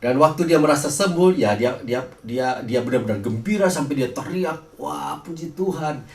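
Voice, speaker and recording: Preacher, male, mid pitch, storytelling sermon full of restarts; roomy sound, set back from the mic. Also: animated, moderate pace, darkish tone, recorded from a distance. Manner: storytelling with frequent restarts and hesitations. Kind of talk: sermon with personal healing testimony.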